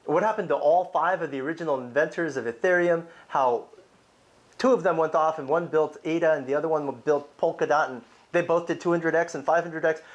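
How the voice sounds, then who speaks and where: A man hosting an urgent promotional crypto video, talking straight to the viewer in an insistent, repetitive way. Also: on the high side.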